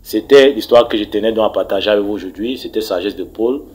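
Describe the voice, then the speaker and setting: A man's voice: fairly low pitch, quick pace, darkish tone, husky, rough recording. A man from Cameroon sending a recorded message, preachy in tone, stumbling and repeating words as he urges listeners to pray. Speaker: story contributor. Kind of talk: recorded voice message telling a mystical story.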